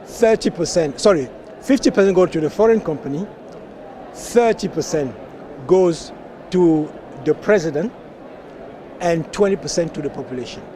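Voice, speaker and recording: A man's voice: fairly high pitch, lively intonation, moderate pace, long pauses, dark tone, a little hiss or hum. A man from Cameroon, a party member, speaking earnestly and with passion in an outdoor street interview. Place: outdoors at a conference venue, street traffic.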